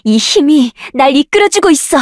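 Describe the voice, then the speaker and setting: A high, lively young woman's voice, proud and sure of herself. She barks commanding skill shouts in bold, confident bursts. The sound is close and dry, with no room around it. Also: normal speed, dry recording. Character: proud, confident young woman researcher of dark rift powers. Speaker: voice actress for a game character. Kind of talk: game voice lines, battle shouts.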